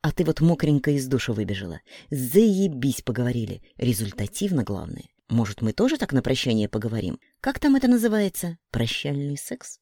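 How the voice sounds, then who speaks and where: A man's voice: medium pitch, sing-song, brisk, few pauses, warm tone, no echo, clean studio sound. A man voicing a bitter, contemptuous young man who mocks his lover with cruel sneers. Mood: mocking.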